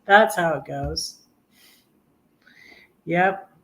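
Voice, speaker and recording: Rambling woman in her fifties, slow talker. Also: sits low. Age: 50s. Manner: rambling, many ums, sings hymn lines slowly. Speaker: live stream host. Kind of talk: casual live chat.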